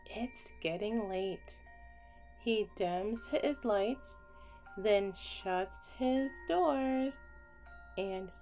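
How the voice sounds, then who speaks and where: A woman with a mid-range voice reads a children's picture book aloud as a bedtime story. Her delivery is gentle and expressive, with carefully deliberate phrasing.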